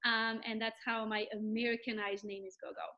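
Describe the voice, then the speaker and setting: A woman's voice: a little high, brisk, dull audio. A woman in her thirties from Romania, a realtor guest chatting casually and laughing often. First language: Hungarian. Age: 30s. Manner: lively, laughs often, speaks freely. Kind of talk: casual interview chat.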